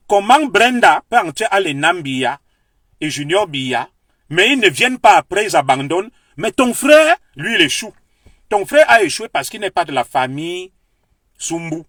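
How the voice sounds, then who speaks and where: A man's voice: high-pitched, fairly bright tone, dry recording, studio quality. A Cameroonian man with a Beti French accent, delivering an impassioned, lecturing political monologue straight to his viewers. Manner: heated, declamatory, lecturing the viewer. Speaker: political commentator.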